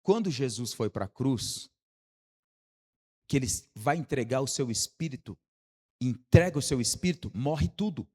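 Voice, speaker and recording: A male Brazilian pastor preaching a sermon, swinging from emphatic raised passages to slow, hushed ones and often asking the congregation if they understand. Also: medium pitch, lively intonation. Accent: Brazilian Portuguese. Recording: long hall reverb.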